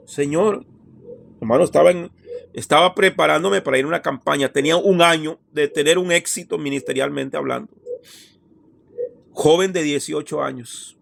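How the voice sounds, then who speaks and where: A man's voice: a little high, vocal fry. A man, a pastor telling a personal testimony in a sermon with emotional storytelling, often calling listeners brother.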